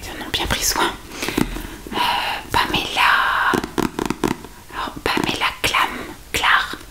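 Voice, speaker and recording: A woman speaks in a soft, hushed library whisper, chatting casually about books and reading aloud in an unhurried ASMR style. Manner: unhurried, reads blurbs aloud between casual remarks. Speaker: ASMR host showing books. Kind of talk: whispered ASMR book chat.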